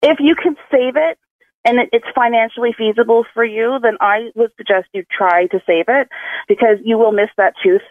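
A woman's voice: fairly high pitch, moderate pace, no echo. A woman phoning in to a radio show and chatting casually. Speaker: radio caller. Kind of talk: casual chat. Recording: phone call into radio, faint music.

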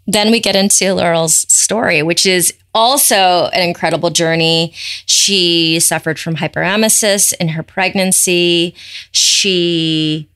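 A middle-aged woman hosting a podcast in loose, excitable casual chat, quick to laugh. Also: fairly low pitch. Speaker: podcast host.

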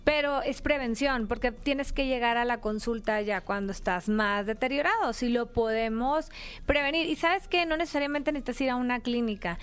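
A woman from Mexicali, a guest physician explaining things on a radio talk show in a brisk, upbeat way. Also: on the high side, smooth. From Mexicali, Baja California, Mexico.

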